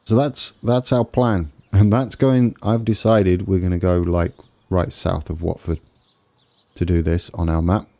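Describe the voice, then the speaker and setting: A man's voice: sits low, flat delivery, a little slow, creaky, dark tone. A man with a wheezy, congested voice giving casual commentary on a game build, tentatively thinking aloud as he goes. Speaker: gaming video host.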